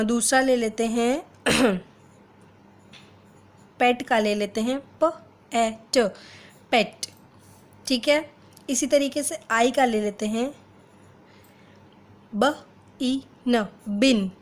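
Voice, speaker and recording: A woman gives a phonics lesson at an unhurried, deliberate pace. She sounds out each letter one at a time and checks in often. Her voice sits a little high. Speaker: teacher.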